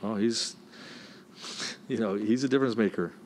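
Low-voiced man coach at postgame presser. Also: a little mellow, a little hiss or hum. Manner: measured, many "you know" fillers. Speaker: head basketball coach. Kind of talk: postgame press conference answers. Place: indoor press room. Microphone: desk mic, close.

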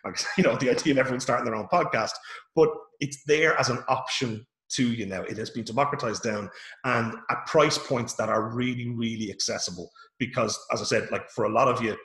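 An Irish man presents a workshop over a video call, casual and chatty, often restarting his sentences. His voice sits at an ordinary middle pitch. The room around him sounds roomy and echoey. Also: fairly quick, fairly bright tone. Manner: chatty and informal, many fillers and restarts. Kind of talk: casual online workshop talk. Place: home room.

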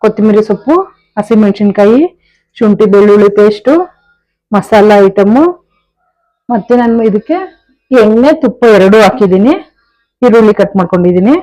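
Young woman, home vlogger; chatty and direct, mid-pitched everyday voice. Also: moderate pace, long pauses, dark tone, rough recording. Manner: chatty, talks straight to viewers. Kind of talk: casual home vlog narration. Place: home kitchen.

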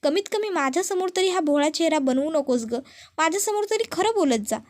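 A woman's voice: very high-pitched, expressive, brisk, darkish tone. Woman reading as an accusing young man.

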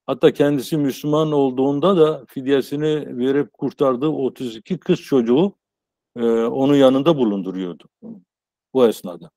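A man in his sixties giving an informal academic lecture as a professor, explaining haltingly on a video call. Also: mid-range voice, mellow, dry recording. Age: 60s. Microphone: earphone headset on a video call.

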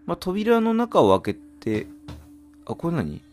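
A man's voice: fairly high pitch, wildly swooping pitch, takes it slowly, darkish tone. A man doing casual game commentary, reacting aloud and putting questions to viewers about what is on screen. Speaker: gamer playing and commentating. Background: game music.

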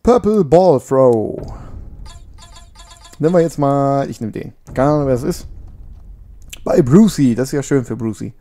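A man plays a video game at home and jokes his way through it on a makeshift mic, occasionally scolding his character, as a let's play gamer. His mid-range, dark voice is expressive but a little slow with frequent pauses, and faint music plays behind him.

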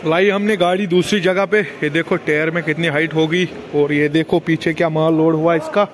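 Filmed on a handheld phone out in a loading yard, a young truck driver in his twenties chats through his work in a casual vlog and sounds tired. He speaks at a moderate pace in a steady, somewhat high voice over a noisy background.

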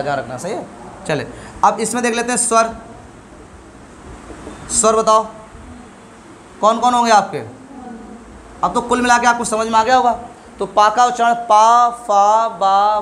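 A man's voice: high-pitched, fairly bright tone, a little hiss or hum. A middle-aged male teacher giving a classroom lesson, asking questions and answering them himself while drilling sounds.

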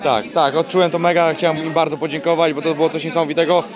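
A man's voice: on the high side, level tone, quick pace. A young man, a fighter being interviewed after a weigh-in, talking bluntly with swearing and repeating himself. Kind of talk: casual post-weigh-in interview. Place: busy event press wall, indoors. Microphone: handheld mic held by interviewer. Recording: loud crowd chatter behind.

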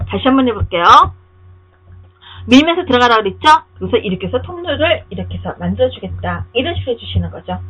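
A woman narrates a software tutorial in a husky, slightly high voice that rises and falls a lot. She explains each step and keeps checking in with rhetorical questions. The recording sounds thin and tinny. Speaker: software instructor.

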